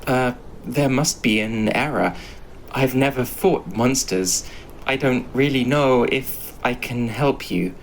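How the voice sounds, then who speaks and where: A man's voice: medium pitch, slow, a little hiss or hum, pitched above the performer's own voice, close to an everyday voice. A man voicing a nervous, polite young boy hero in a storybook tale, speaking hesitantly. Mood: unsure.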